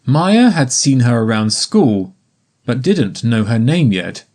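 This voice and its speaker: A man narrating a graded story for English learners in a slow, careful, evenly paced reading. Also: mid-range voice, big pitch swings, a little mellow.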